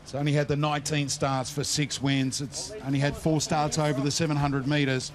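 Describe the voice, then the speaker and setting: Man, Australian accent, moderately high voice, racing host, betting tipster preview. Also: little pitch movement, moderate pace.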